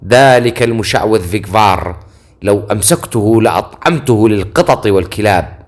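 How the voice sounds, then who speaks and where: A man voicing a furious, panicking fallen king who shouts in desperate outbursts. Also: fairly low pitch, animated, moderate pace, lightly acted.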